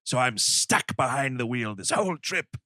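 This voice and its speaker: A man's voice: mid-range voice, animated, normal speed, sharp tone, no echo, studio quality. A man voicing the pompous, long-suffering male leader of a band of hell demons in a comedic improv bit. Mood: exasperated. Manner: mock-grand, long-suffering complaint.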